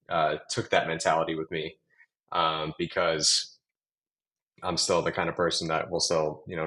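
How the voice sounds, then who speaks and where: Interview guest: young man from New York, low and level delivery, chatty and meandering. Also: fairly bright tone, rough recording. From Long Island, New York. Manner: rambling, many fillers and restarts. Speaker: guest, real estate developer. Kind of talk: casual interview storytelling.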